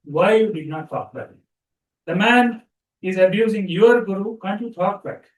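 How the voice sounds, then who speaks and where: A man's voice: fairly high pitch, a little fast, darkish tone, natural voice. A man voicing a stern guru who scolds a disciple emphatically. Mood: scolding. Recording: roomy sound from a distant mic.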